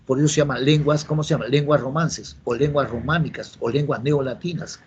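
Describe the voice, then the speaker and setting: A man's voice: mid-range voice, fairly even intonation, brisk. Man lecturing in a classroom. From Peru. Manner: repetitive, asks and answers his own questions. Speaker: teacher. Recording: dull lo-fi classroom recording with faint noise.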